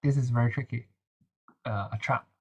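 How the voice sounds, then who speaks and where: A young adult man, a medical student tutor, casually runs a revision session and talks through quiz answers. His mid-range voice is husky and nasal, at a moderate pace, and he's chatty and hesitant, full of fillers and restarts.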